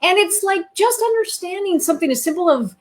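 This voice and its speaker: A woman hosting a casual live-stream conversation, animated and enthusiastic, with quick asides. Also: very high-pitched. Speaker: host.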